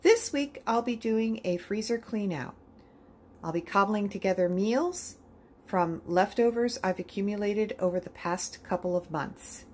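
A woman narrating a budget grocery vlog in voice-over, calmly listing each item and its price. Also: mid-range voice, unhurried, slight background noise. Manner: calm, list-like item-by-item rundown of prices.

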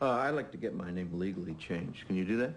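An ordinary client in a tv dramedy, kinda low voice, plain and matter of fact. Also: male voice, expressive, fast talker, background noise. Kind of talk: naturalistic TV comedy-drama acting.

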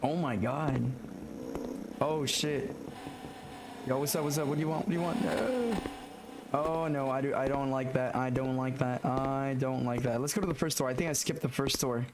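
A young gaming YouTuber, hoarse and raspy from being sick, plays through a horror game for a let's play, jumping at scares, swearing and talking to himself. His voice is medium-pitched at a moderate pace, recorded on a headset with background noise.

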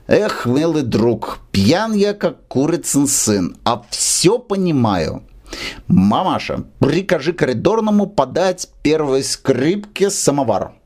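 A man voicing a tearful, rambling drunk male musician who lodges in a rented room, with slow, slurred, sentimental speech. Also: fairly high pitch, sing-song, darkish tone, pitched above the performer's own voice, full character voice. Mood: maudlin.

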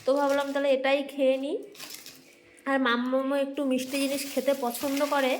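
A woman's voice: sits high, little pitch movement, a little fast, noisy background. A woman with a Bengali accent chatting casually to viewers in a daily vlog, talking to her small child as she goes. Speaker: vlogger.

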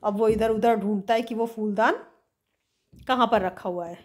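Expressive woman teacher reading a story. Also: fairly high pitch, normal speed.

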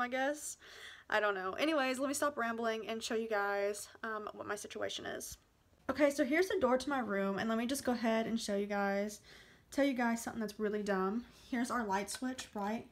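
A young woman talks her way through a casual home vlog, her voice sitting a little on the high side. She rambles and apologizes as she goes, still a bit out of breath from rushing downstairs. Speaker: vlogger. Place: home bedroom, indoors.

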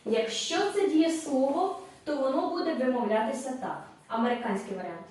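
A woman teaching English grammar in a video lesson, explaining step by step in a clear, patient way with brief hesitations. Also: high voice, expressive, fairly quick, a little mellow. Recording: echoey room, mic at a distance.

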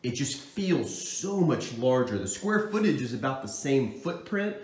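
A man in his thirties, working as a real estate agent, narrates a walk-through tour of an apartment's hallway and rooms, holding his phone at arm's length. His medium-pitched voice is darkish, sing-song and unhurried, and the rooms echo with some background noise.

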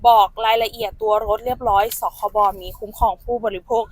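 A woman's voice: mid-range voice, steady tone, brisk, a little mellow. A young woman giving a chatty used-car sales walkaround, talking familiarly to viewers, apparently recorded outdoors at a car lot. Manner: chatty, addresses viewers as elder sibling.

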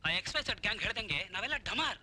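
A blustering crooked boss. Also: male voice, high voice, very animated, pushed and bright, full character voice. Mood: scheming. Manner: blustering, quickly panicked. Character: cowardly crooked chit fund boss, male, blustering.

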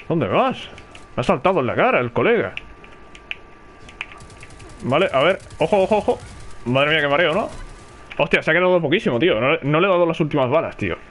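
A man's voice: mid-range voice, fairly bright tone, slight background noise. A man with a Spanish accent from Spain, commenting live on his own gameplay, chatting and calling out to teammates. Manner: chatty, reacts aloud and calls to teammates. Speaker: gaming streamer.

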